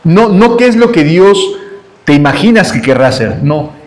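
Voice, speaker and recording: A man's voice: on the high side, very animated, moderate pace, poor audio. A man preaching a sermon, emphatic, acting out the cries and voices of the scripture story.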